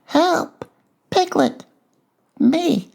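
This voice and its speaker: A man voicing a small, timid, anxious piglet in a children's storybook, fretful and forlorn, with a halting delivery. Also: extremely high pitch, lively intonation, vocal fry, darkish tone, pitched above the performer's own voice, heavily acted. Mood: pleading. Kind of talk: dramatized children's audiobook character voice.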